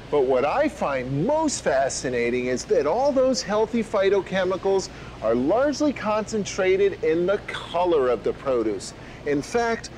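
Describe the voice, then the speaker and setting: His voice sits high and a little mellow as this man in his thirties presents a scripted cooking show. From a home kitchen to a supermarket, he takes viewers through each step cheerfully and instructively, adding playful asides.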